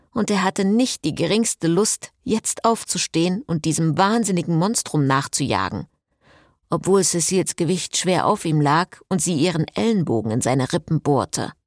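A woman reading a novel aloud as narrator in an expressive style. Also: fairly low pitch, no echo, clean studio sound. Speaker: audiobook narrator. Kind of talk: scripted narration.

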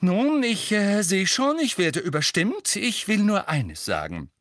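A man's voice: sits high, big pitch swings, measured pace, fairly bright tone, dry recording, studio quality, pitched above the performer's own voice, heavily acted. A man voicing an anxious, protective middle-aged witch who is breathless and emotional, in an audiobook. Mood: pleading stern. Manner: breathless, pleading, quavering. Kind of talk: audiobook character voice.

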